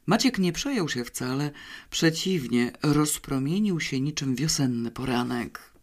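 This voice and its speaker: A reader narrating a novel in a measured, wry manner. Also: mid-range voice, animated. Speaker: audiobook reader. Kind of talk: scripted narration.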